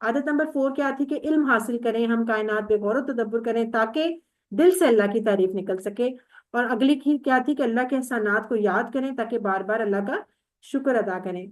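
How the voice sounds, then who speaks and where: A woman's voice: a little high, fairly quick. A woman teaching an online class, patiently explaining step by step and quizzing her students.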